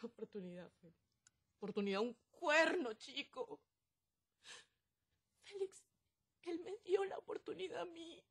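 An actress playing a hurt, crying woman in a telenovela, vehement and distressed. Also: extremely high pitch. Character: hurt woman vowing to change her life. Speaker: soap opera character. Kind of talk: telenovela acting.

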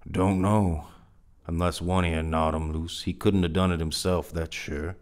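A man's voice: low voice, little pitch movement, measured pace. A man reading aloud, voicing a laconic frontier man who speaks in a terse folksy drawl with dry understatement. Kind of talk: dramatic reading.

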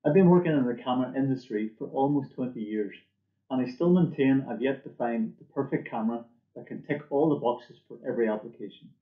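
Fast and medium in pitch, a middle-aged man's voice carries a scripted product presentation he gives as a company presenter from an indoor desk. The webcam clip is set in an indoor room, with echoey acoustics and muffled, dull sound.

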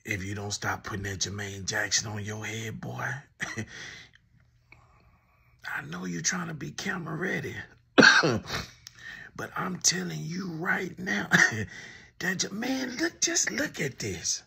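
Man host, mocking commentary to camera, gravelly husky voice, unhurried delivery. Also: on the high side, bright, forceful tone. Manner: teasing, laughs often, addresses the subject directly.

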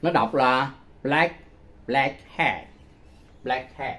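A man giving a casual spoken language lesson, repeating phrases slowly and patiently and chuckling often. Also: medium pitch, sharp tone. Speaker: English teacher.

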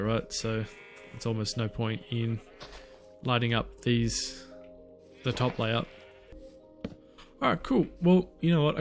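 A man giving casual, rambling commentary on his own gameplay, thinking aloud and restarting his sentences often. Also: medium pitch. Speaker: gaming channel host. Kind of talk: casual let's-play commentary.

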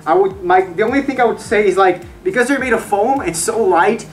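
A woman's voice: medium pitch, a little fast, faint music behind. A chatty, upbeat woman talking from inside a costume mask head, casually reviewing it with frequent restarts. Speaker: fursuiter reviewing her own costume.

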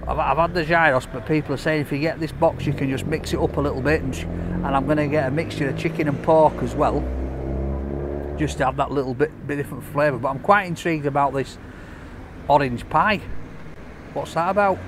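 Yorkshire man, jokey food vlogger, slightly high voice, out on a noisy street. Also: a little fast. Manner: chatty, jokey, cheerful banter. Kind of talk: casual vlog chat. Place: outdoors on a city street. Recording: street noise behind. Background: traffic and scaffolding work.

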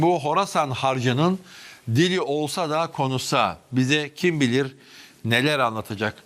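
A man with a medium-pitched voice hosts a history vlog underground, guiding a tour through stone passages below an old city. He narrates with drama and speaks straight to his viewers and crew, his words echoing around the chamber.

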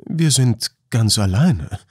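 A man's voice: mid-range voice, lively intonation, takes it slowly, husky, dry recording, studio quality. A man voicing an earnest young male miner who speaks plainly, in a storybook reading.

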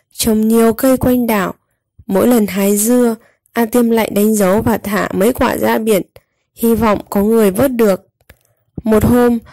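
A woman narrating a scripted storybook tale for young children, enunciating clearly as a storyteller. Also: on the high side, dark tone, dry recording.

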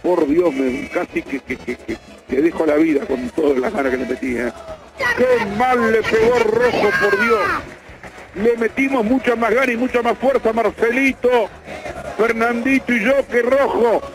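Fervent high-pitched football commentator. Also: male voice, poor audio. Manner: rapid repeated calls, fervent and theatrical. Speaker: play-by-play radio commentator. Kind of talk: excited football play-by-play.

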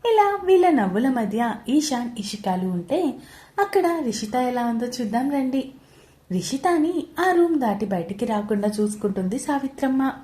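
A woman storyteller reading a serialized romance story aloud in a steady, expressive way. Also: a little high, moderate pace.

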